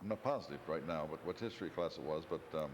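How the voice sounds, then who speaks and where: Very deep-voiced rambling male host. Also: quick pace, big-room sound, slight background noise. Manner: rambling, digressive storyteller. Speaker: interviewer host. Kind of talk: local history interview. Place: community TV studio.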